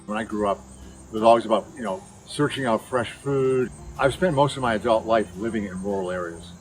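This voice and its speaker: A man's voice: lowish voice, fairly quick, poor audio. A man who farms, speaking reflectively in a documentary interview and often saying "you know.". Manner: reflective, uses many "you know" fillers. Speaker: farmer.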